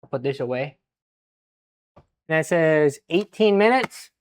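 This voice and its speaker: Deadpan man chatting while cooking. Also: a little high, measured pace, clear, resonant tone. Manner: deadpan, self-mocking asides; mutters to himself while working. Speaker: streamer cooking on stream. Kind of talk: casual chat while cooking.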